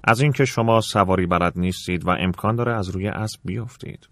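A male narrator voicing an earnest adult suitor in a quiet but firm way. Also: sits low, no echo, voice pushed up.

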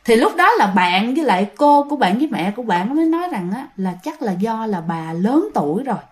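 Animated southern Vietnamese woman telling a ghost story. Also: on the high side, fairly quick. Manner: chatty, addresses listeners directly, animated retelling. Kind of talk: casual spoken storytelling.

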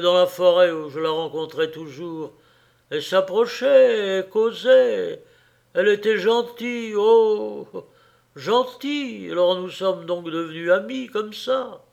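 Young brute of a quarryman, voiced by a man, thick growling voice, gravelly, raised and higher. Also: exaggerated voice. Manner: thick, growling voice of helpless anger. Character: young hulking quarryman, sullen, angry, accused.

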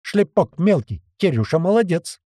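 A man voicing a cheeky male talking parrot with a croaky, squeaky voice that keeps taunting. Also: big pitch swings, normal speed, warm tone, no room sound, studio quality. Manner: taunting, gloating.

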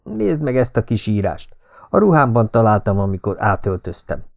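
A man voicing a gruff middle-aged detective in an audiobook, grumbling and measured in his speech. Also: on the low side, sing-song, no echo, clean studio sound.

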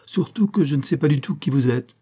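A man's voice: a little high, animated, a little fast, mellow, pitched above the performer's own voice. A man voicing a short, cheerful young male actor who talks in a jovial, offhand way in an audiobook.

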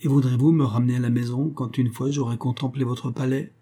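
Frightened young girl, as a man puts her on, sobbing pleas, raised and husky. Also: medium pitch, little pitch movement, fairly quick, warm tone, lightly acted. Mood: anxious. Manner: sobbing, pleading. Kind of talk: storybook reading.

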